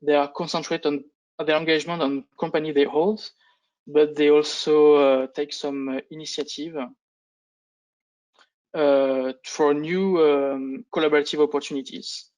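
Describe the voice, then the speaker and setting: A man whose first language isn't English gives a semi-scripted business presentation on a conference call in the manner of a fund analyst. His slightly high voice has very flat intonation, and his delivery is halting and hesitant, with repeated false starts. The recording is low quality.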